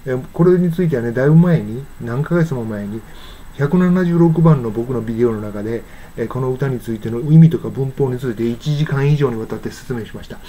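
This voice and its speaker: An older man from Japan, teaching English pronunciation in a casual lesson, patiently repeating words slowly to show how they sound. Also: medium pitch, dark tone, slight background noise.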